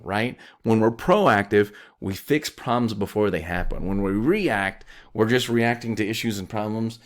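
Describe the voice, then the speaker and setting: A man teaches in a relaxed, conversational lecture, leaning on fillers and tag questions. His voice sits low but swings widely in pitch. He sounds like an instructor talking straight to his students. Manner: conversational, filler-heavy, acts out quoted exchanges in a high voice. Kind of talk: recorded lecture.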